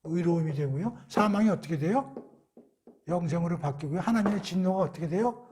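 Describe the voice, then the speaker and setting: A man's voice: sits high, animated, a little fast, noisy background. A man giving a Bible study lecture, asking rhetorical questions and answering them himself in a conversational way. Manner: conversational, acts out quotes.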